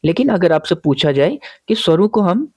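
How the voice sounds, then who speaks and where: A male teacher walks his students through a lesson in a warm, mellow voice, patiently asking questions and then answering them himself. He keeps pausing to check that his listeners are following. The sound is close and dry, with no room around it. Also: high voice, sing-song, breathy edge, dry recording. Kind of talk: classroom grammar lesson.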